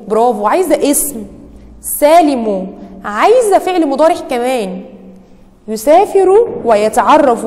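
A woman with an Egyptian Arabic accent teaching young children an Arabic lesson, quizzing them and praising each answer with a quick "bravo". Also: sits high, dark tone, long reverb tail. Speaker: primary school teacher.

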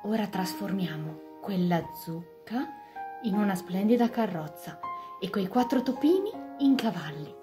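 A woman plays a kindly fairy godmother in a puppet fairy tale. She speaks gently and soothingly at a middling pitch, with music behind her. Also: lively intonation, unhurried, lightly acted. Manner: gentle, reassuring.

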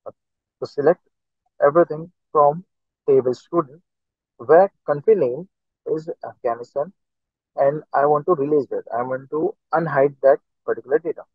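A man's voice: on the high side, moderate pace, pauses often, dry recording. A male instructor giving an online lecture, heard through a screen recording of the class, walking through each step and saying "okay" again and again. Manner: explains step by step, says "okay" constantly. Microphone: computer mic on a video call. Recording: tinny dry online call audio.

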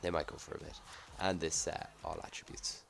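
A man with a slightly husky, under-the-weather voice giving casual live commentary on a video game pack opening, reacting offhand to each reveal. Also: rumbling low, little pitch movement, brisk, fairly bright tone. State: slightly sick, husky off voice from a cough. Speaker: gaming video host.

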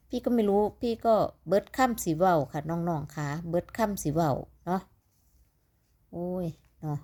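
With a lowish, dark voice, a sleepy-sounding woman from northeastern Thailand's Isan region rambles casually while giving out lottery number tips. She's chatty and addresses her viewers as "little siblings."

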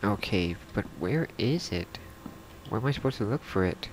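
A man's voice: fairly low pitch, animated, normal speed, a little hiss or hum. A man commenting as he plays a horror game, nervously muttering to himself and tripping over words when he reads aloud. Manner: stumbles when reading aloud. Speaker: video game player.

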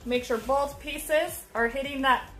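A woman's voice: high-pitched, a little slow, sharp tone, soft background music. A woman in her thirties giving a casual, upbeat step-by-step woodworking tutorial in her shop, filmed on a phone held at arm's length. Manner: upbeat, chatty, laughs at own slips. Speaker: woodworking instructor. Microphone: phone camera at arm's length.

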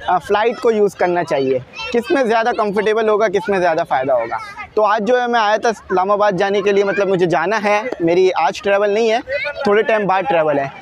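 A young man with a Pakistani Urdu accent vlogs casually while standing on a station platform. His fairly high voice keeps calling his viewers brother and fills the gaps with loose fillers. He is recorded on a small lapel mic, with faint station noise behind him. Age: young adult. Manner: chatty, addresses viewers as "bhai" often, frequent fillers. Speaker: vlogger. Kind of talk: casual vlog to camera. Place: outdoor railway station platform.

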